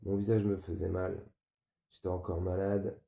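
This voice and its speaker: A man with a deep, gravelly voice reads a novel aloud in a flat, weary first-person tone. His sound is dark and mellow. It comes through muffled, with a roomy echo. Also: normal speed, slight background noise. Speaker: audiobook reader. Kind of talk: novel reading.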